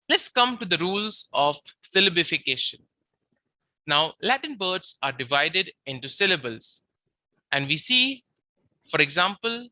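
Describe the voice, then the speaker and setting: Very bright, dry voice teaching grammar. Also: mid-range voice, no echo. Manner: methodical, repeats examples slowly; habitually says "we see". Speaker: Latin teacher. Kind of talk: beginner grammar lecture.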